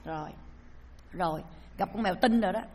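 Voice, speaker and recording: A woman's voice: lowish voice, fairly quick, breathy edge. Woman telling a sermon story in a hall. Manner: lively storyteller who acts out voices and sounds. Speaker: Buddhist dharma teacher. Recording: long hall reverb.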